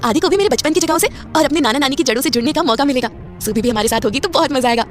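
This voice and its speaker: A woman voicing a spirited, quick-tempered young woman heroine in a spoken audio story, in a high, lively voice. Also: soft background music. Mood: cheerful.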